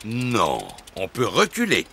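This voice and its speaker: A man voicing a jolly, good-natured father pig in a children's cartoon, hearty and unhurried as he explains things. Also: medium pitch, wildly swooping pitch, heavy background noise. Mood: confident. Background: music.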